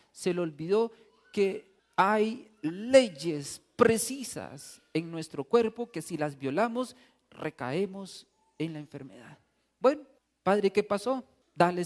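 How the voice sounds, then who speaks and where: A priest preaching a sermon with animated, humorous storytelling. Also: male voice, sits high. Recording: reverberant church hall.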